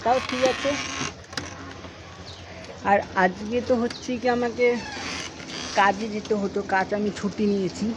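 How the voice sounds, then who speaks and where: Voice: medium pitch, steady tone, unhurried, pauses often. A vlogger, talking casually to the camera outdoors and grumbling about the heat. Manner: talks a little softly beside the road. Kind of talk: casual vlog talk to the camera. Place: outdoors around home and street. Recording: noisy outdoor phone audio.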